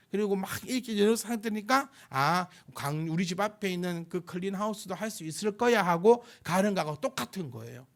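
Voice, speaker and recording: A man, a pastor, preaching a midweek sermon with lively jokes and speaking God's words directly to the congregation. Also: a little high. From South Korea. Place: church sanctuary.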